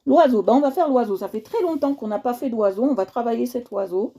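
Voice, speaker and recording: A woman's voice: on the high side, fast talker, mellow. Chatty woman hosting a coloring livestream. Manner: chatty, repeats herself, addresses viewers directly. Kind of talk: casual livestream tutorial.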